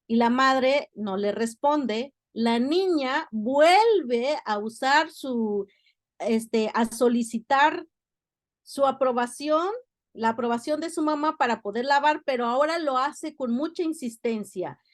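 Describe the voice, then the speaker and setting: High-voiced woman lecturer. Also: dry recording, studio quality. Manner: explanatory, many filler pauses. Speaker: university lecturer. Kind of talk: academic lecture.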